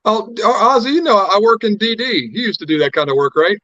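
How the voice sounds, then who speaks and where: Man, fairly high voice, chatty, agreeable, dry muffled call audio, casual co-host. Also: animated, fairly quick, sharp tone, no room sound. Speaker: live stream co-host. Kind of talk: casual chat on a live stream.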